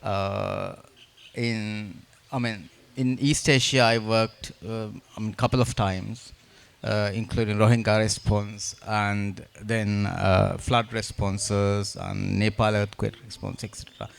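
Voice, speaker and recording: A man answering as a panel guest, reflective and measured, with halting phrasing. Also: fairly low pitch, level tone, creaky, clean tone. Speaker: panel guest, former humanitarian worker.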